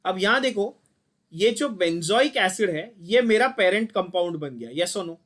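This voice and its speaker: Man, high voice, chemistry teacher, online class, blunt, quizzing. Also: expressive, measured pace, a bit bright. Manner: mixes Hindi and English, quizzes students constantly, blunt and scolding.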